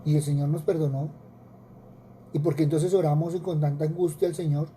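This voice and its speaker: A male preacher with a Colombian accent delivers an earnest sermon. His voice is deep and mellow, and he often repeats words and asks rhetorical questions. A faint hiss of noise sits under the recording. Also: steady tone, brisk. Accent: Colombian Spanish.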